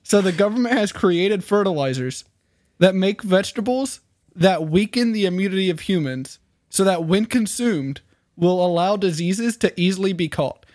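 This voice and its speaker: A man's voice: high-pitched, expressive, normal speed, darkish tone, no echo, studio quality. A man co-hosting a casual podcast, presenting ideas with playful, mock-serious earnestness. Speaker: podcast co-host presenting theories. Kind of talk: casual chat.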